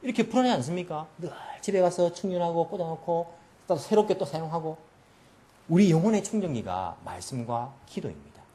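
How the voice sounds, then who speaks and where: A man's voice: on the high side, lively intonation, brisk, warm tone. A man preaching a sermon as pastor, emphatic, with many rhetorical questions and story-telling in a church. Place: church sanctuary.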